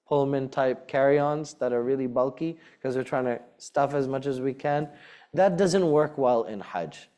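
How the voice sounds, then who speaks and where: A man's voice: a little high, mellow. A man speaking as an imam, giving a congregation practical, conversational advice and repeating words for emphasis.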